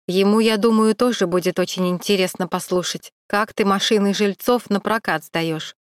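A woman's voice: medium pitch, fairly even intonation, normal speed, no echo, lightly acted. Woman reading as a stern male police captain, cold and pressing, ironic, dry close voice, plain audiobook delivery.

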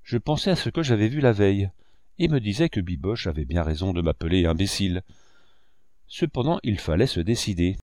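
A man narrating a novel in an audiobook with a measured storytelling manner. His voice sits on the low side. The recording is dry and close, with no room in it. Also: sing-song, darkish tone, no echo.

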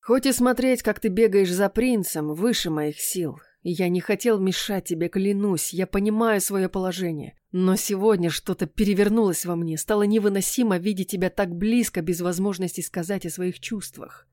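A woman's voice: mid-range voice, steady tone, normal speed, hardly any pauses, warm tone, no echo, clean studio sound, natural voice. A woman voicing a devoted young male warrior who speaks earnestly and with restraint.

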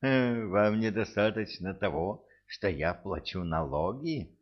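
A hot-tempered private detective snaps out his words in a low voice, as a man reads him. He sounds agitated and prickly, never calm for long. The recording is muffled and lo-fi. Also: slow pace, breathy edge, heavily acted. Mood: irritated. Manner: snappish, agitated. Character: irritable, excitable male private detective.

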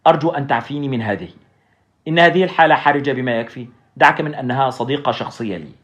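A man reading the lines of a courteous young male doctor who speaks politely and calmly. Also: mid-range voice, very fast, lightly acted. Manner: polite, calm. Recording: dull lo-fi recording.

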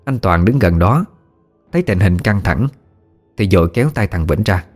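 A man narrating a ghost story in a steady, plain way. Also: sits low, moderate pace, soft background music.

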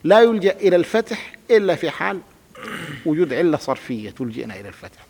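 A man's voice: a little high, big pitch swings, fast talker, vocal fry, a little mellow, slight background noise. Man teaching grammar in an echoey room. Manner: patient, step-by-step explanation, has the student repeat words. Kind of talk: classical grammar lesson. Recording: reverberant room with long echo.

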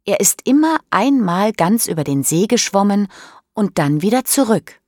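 A woman's voice: mid-range voice, big pitch swings, normal speed, a little mellow, no echo, clean studio sound, pitched above the performer's own voice. Woman reading as a teasing teenage boy. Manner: teasing, playful.

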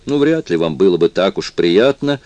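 A man reading a calm, thoughtful older man who speaks in a measured way. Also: deep voice, dry recording.

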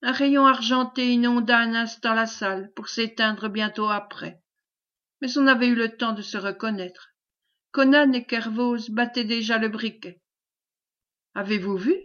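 Female audiobook narrator, fairly high voice, measured reading; muffled home audio. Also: fairly even intonation, a bit bright. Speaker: audiobook reader. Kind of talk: audiobook narration of a classic novel.

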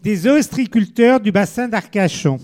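A man's voice: high voice, animated, measured pace, darkish tone. A man on a comedy podcast reading out riddles, hesitant and tripping over his set-ups. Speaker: podcast co-host. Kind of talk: casual joke-telling chat.

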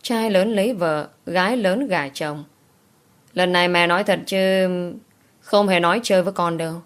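A woman's voice: on the low side, moderate pace, close to an everyday voice. A woman voicing a stern middle-aged countryside mother who scolds her daughter firmly. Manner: firm, scolding.

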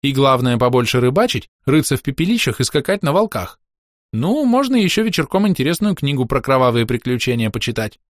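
A man's voice: mid-range voice, sing-song, fairly quick, no echo, studio quality, pitched above the performer's own voice, close to an everyday voice. A man voicing a blunt, chatty young girl, the narrator's daughter, telling what she saw in a childlike way. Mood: cheeky.

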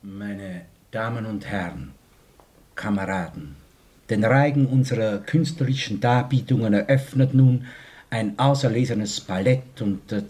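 A stiff master of ceremonies in a period film, announcing the next act with formal politeness. His voice sits fairly low. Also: darkish tone. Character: stiff male announcer at a party evening.

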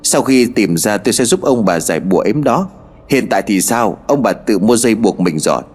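A man voicing a stern village sorcerer who speaks in a slow, grave and knowing way, in a spoken horror story. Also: fairly low pitch, animated, a little mellow, slightly rough.

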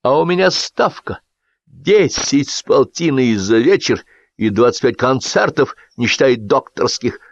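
Brief: high yelping touchy fusspot, voiced by a man, swings wildly, muffled dry sound. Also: expressive, measured pace, dry recording. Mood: indignant. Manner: shrill, yelping, barking. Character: touchy, fussy man yelling about his car.

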